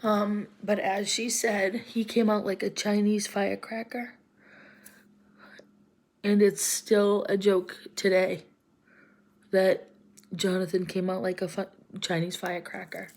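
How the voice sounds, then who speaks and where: A woman in her forties talking in an emotional personal vlog, close to tears, halting and often dropping to a whisper. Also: mid-range voice, a little mellow. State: close to crying. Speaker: vlogger.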